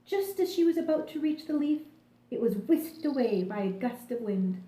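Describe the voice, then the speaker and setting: In a high voice, a woman narrates a children's story expressively and deliberately. The recording was made in an echoey room.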